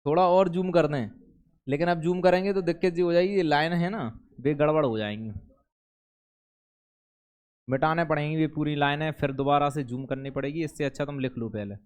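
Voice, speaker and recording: A male teacher speaks in a classroom. His voice sits high and rings clear as he chats with his students, slipping joking asides in between passages he reads aloud. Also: a little fast. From India.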